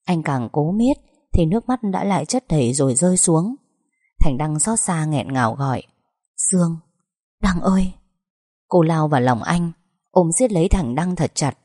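Low, warm-voiced woman narrator. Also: animated, moderate pace, no echo, clean studio sound. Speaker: audiobook narrator. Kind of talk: storybook narration.

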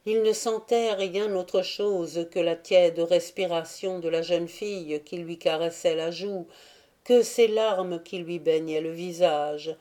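A woman reading a classic novel aloud as an audiobook, measured and expressive. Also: fairly low pitch. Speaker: audiobook reader. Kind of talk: literary audiobook narration.

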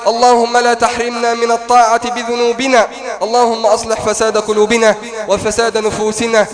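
A man preaching a sermon in a mosque, telling a moving story and rising to impassioned near-shouting. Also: very high-pitched, completely flat delivery, a little fast, over music.

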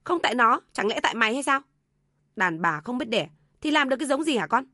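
A woman's voice: a little high, sing-song, quick pace, pushed and bright, no echo, studio quality, voice pushed up, heavily acted. A woman voicing a furious old mother-in-law who screams and scolds.

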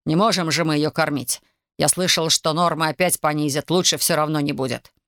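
A woman reading an audiobook, voicing an angry, harsh father who shouts at his daughter. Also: low voice, fairly even intonation, fairly quick, no room sound, studio quality. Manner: barking, shouting.

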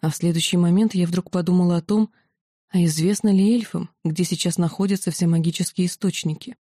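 A woman narrating a first-person fantasy novel in a steady, quietly dramatic way. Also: fairly low pitch, fairly quick, slightly rough, no room sound, studio quality. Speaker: audiobook narrator.

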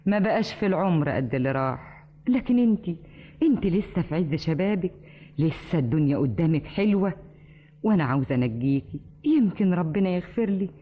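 Weary Egyptian wife, remorseful, pleading, tinny narrow-band radio drama. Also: female voice, on the low side, expressive, a little fast. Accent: Egyptian Arabic. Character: worn-out, remorseful wife of a villain. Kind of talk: 1950s radio drama acting. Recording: thin phone-like old radio recording.

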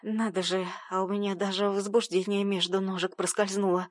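A young woman reading a first-person story aloud in a lively, sarcastic, conversational way. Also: mid-range voice, brisk, no echo. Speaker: audiobook narrator.

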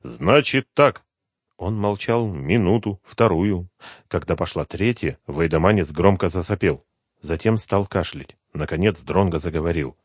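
Male narrator, low and even, dry close sound. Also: moderate pace, husky, no echo. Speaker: audiobook narrator. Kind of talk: scripted narration.

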